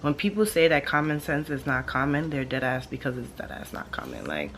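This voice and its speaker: A woman's voice: very deep voice, brisk. A woman in her late twenties talking casually in a laid-back stoner ramble, slangy and blunt, swearing freely as she thinks aloud. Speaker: vlogger. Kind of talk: casual rambling monologue to camera. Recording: steady background ambient noise.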